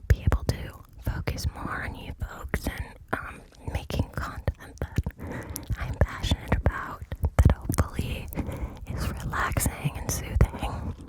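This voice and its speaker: A woman's voice: a little slow, poor audio. A woman whispering into cupped hands close to the mic, ear to ear, in a hesitant, informal ASMR ramble. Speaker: ASMR content creator. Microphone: close microphone, ear to ear.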